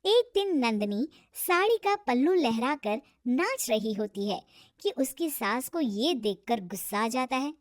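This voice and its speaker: Casting: woman narrator for a cartoon story, high voice, slow and measured. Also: sing-song, dry recording, studio quality.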